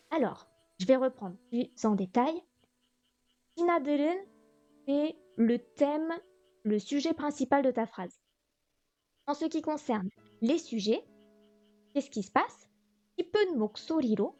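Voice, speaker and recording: On a livestream, a woman with a high, warm voice teaches a beginner language class, thinking aloud with many fillers. The audio has no echo but is dull and lo-fi, with faint music.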